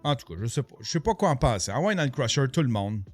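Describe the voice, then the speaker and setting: A man with a Québécois French accent, chatting casually on a live stream as he reacts to videos and reads the chat aloud, thinking out loud with many fillers and restarts. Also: mid-range voice, sing-song, quick pace, music in the background.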